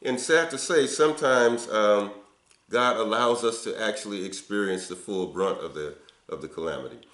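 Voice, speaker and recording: Older male pastor, low voice, roomy office sound, earnest conversational preaching. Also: normal speed, a bit bright. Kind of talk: sermon. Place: indoor office before window blinds.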